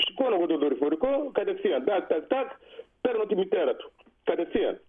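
A man's voice: high-pitched, breathy edge. A man who served on ships, telling a story in a radio interview and acting out the dialogue. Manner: animated, acts out quoted dialogue. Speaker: retired sea captain guest. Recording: tinny phone line.

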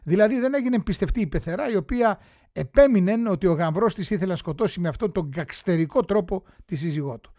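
A man's voice: high-pitched, expressive, warm tone, no echo, studio quality. A man reading an old newspaper story aloud, acting out the quotes and dropping wry, chatty asides to his listeners.

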